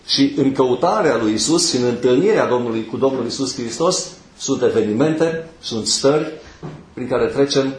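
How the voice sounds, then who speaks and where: A man delivers a sermon in a church, taking his points one by one with pauses between phrases. His voice sits at a middle pitch. The room around him rings with a noticeable echo. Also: lively intonation. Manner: measured, teaching through numbered points with pauses. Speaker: preacher.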